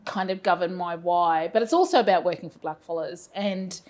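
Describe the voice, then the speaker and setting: A woman's voice: lowish voice, fairly quick, darkish tone. An Australian woman in her fifties, a business owner answering interview questions in a rambling, self-deprecating way with many fillers. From Brisbane, Australia. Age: 50s. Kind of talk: casual interview chat.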